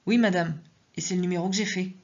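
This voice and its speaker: A woman reading a story aloud, voicing a calm, polite male police officer. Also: fairly low pitch, quick pace, highs cut off, close to an everyday voice. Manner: polite, matter-of-fact.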